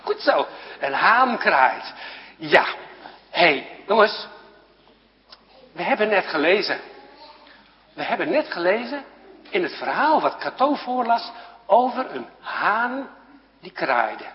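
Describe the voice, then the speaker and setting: A high-pitched, animated man talks with children in a church service, unhurried and full of playful questions. His voice rings through a large hall with a long reverb. The sound is dull and lo-fi. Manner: playful, questioning, often laughing. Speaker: leader of a children's moment in church.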